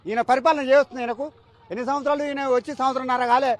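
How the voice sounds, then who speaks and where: A man's voice: very high-pitched, little pitch movement, rapid-fire. A man farmer with a Telangana Telugu accent, speaking outdoors in a news interview in an angry, defiant way. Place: outdoors by a canal.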